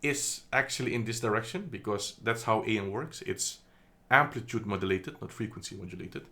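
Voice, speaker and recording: This Dutch man's voice is lowish, bright and forceful, and he talks fairly quickly through a casual product review. He's chatty yet hesitant, saying um a lot and correcting himself. A phone camera records him indoors.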